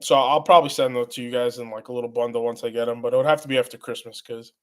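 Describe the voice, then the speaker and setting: A man hosts a casual live stream with a congested, stuffy voice at an ordinary middle pitch. He rambles in halting bursts and often trips over his own words before starting the sentence again. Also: fairly even intonation. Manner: rambling, halting, many restarts. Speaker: channel host answering live chat.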